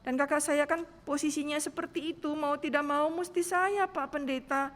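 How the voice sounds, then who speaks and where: A woman's voice: high voice, steady tone, normal speed, fairly bright tone. A woman voicing a troubled young daughter who asks exasperated, pleading questions. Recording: long church reverb.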